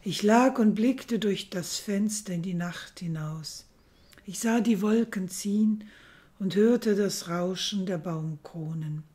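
Woman reading a lovesick emperor, pleading, slow warm voice. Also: mid-range voice, natural voice. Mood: tender. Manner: pleading, rising to anxious calls. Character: lovelorn emperor calling for his lost dream lover.

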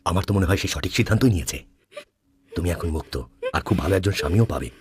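A man voicing a kindly, wise older clan chief in a dubbed drama, with a husky voice and a soothing manner. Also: deep voice, expressive, fast, a crowd in the background. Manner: kind, soothing.

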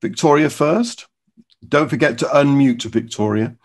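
A man hosts an online discussion. His voice is medium in pitch and his moderating style is informal. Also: unhurried. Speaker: webinar host. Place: room at home, indoors. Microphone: desktop microphone on video call.

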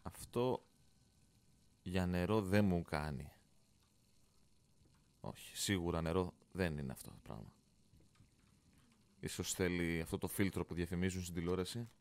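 A man's voice: deep voice, long pauses, clean tone. A man hosting a horror game let's play, commenting casually, swearing often and yelping when startled. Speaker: gaming channel host.

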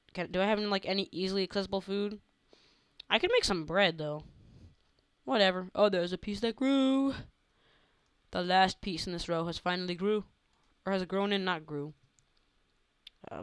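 Young male gamer, chatty, goofy, crisp voice, dry recording. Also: high voice, a bit bright, no room sound. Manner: chatty, goofy, talks to viewers often. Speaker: gaming channel host. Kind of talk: casual gameplay commentary.

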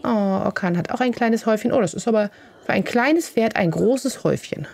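Mellow woman cooing over game animals. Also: medium pitch, lively intonation, fairly quick, vocal fry. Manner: coos fondly at her game animals. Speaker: let's play host. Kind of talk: casual gaming commentary.

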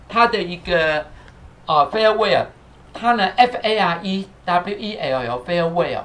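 A high, fairly bright male voice leads a live-streamed English class. He spells words out letter by letter and repeats each phrase, using many fillers, while thanking viewers and asking the crew to correct the captions.

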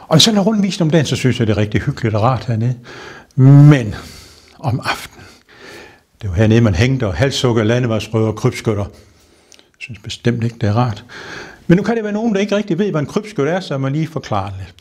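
A man guides visitors through an old castle and tells its ghost stories with relish, building up the suspense as he goes. His mid-pitched voice rings on in the long reverb of stone rooms and a wine cellar. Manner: lively storyteller, building suspense. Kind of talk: ghost-story guided tour.

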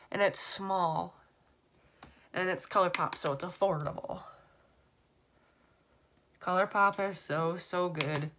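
A woman's voice: on the low side, a bit bright, slight background noise. A woman in her thirties with a stuffy nose from a cold, chatting casually through a makeup tutorial. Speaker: beauty vlogger. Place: small room at home.

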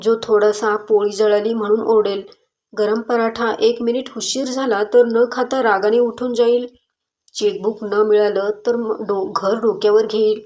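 A woman's voice: mid-range voice, flat delivery, unhurried, a little mellow, lightly acted. A woman voicing a determined young daughter who speaks up firmly and earnestly in a story reading. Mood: defiant. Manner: firm, earnest pleading.

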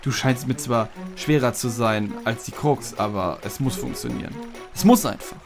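A man's voice: mid-range voice, normal speed, gravelly, natural voice. A man voicing a wise ancient male tree spirit from a video game, reading the lines in a stately, solemn manner with game music behind him.

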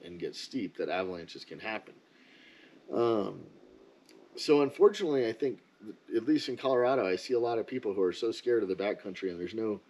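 Male ski vlogger, husky and low-pitched, casual and opinionated, rambling delivery. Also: darkish tone, rough recording. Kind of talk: casual monologue.

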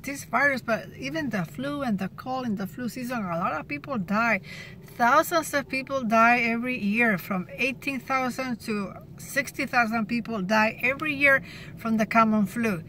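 A fifties-aged cashier chats casually from her parked car about her workday, filming herself on a phone held at arm's length. Her voice is on the high side, pushed and bright, with slight background noise. She's chatty, often restarts her sentences, and laughs at the gross moments.

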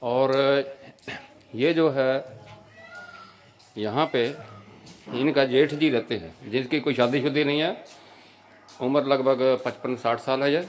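A social video reporter with a Punjabi accent walks around a village house outdoors, earnestly pointing things out and repeating himself. His mid-range voice moves slowly with long pauses, captured on the camera mic with slight background noise.

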